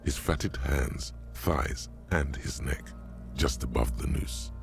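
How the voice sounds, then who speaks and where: A man performing the grave narration of a grim detective video game in a solemn, deliberate, literary manner. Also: rumbling low, vocal fry, over music, full character voice. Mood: solemn, macabre. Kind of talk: scripted narration.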